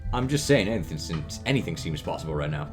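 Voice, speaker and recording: A man's voice: low voice, very animated, fast talker, over music. A man voicing a friendly, level-headed adult with an easygoing, reassuring manner, in a read-aloud story game.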